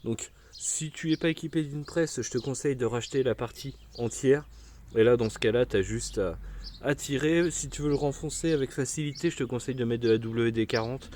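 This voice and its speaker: A man's voice: mid-range voice, normal speed, darkish tone, a little hiss or hum. A man casually explaining a car repair step by step, informal and slangy, talking straight to the viewer. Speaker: car mechanic tutorial host.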